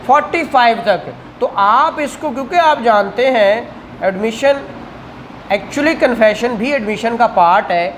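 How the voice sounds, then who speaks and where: This very high-pitched, fairly bright male voice belongs to a Pakistani-accented lecturer teaching law to a class preparing for exams. He is didactic, regularly quizzing listeners and echoing back the answers. The recording is rough, with a little hiss or hum.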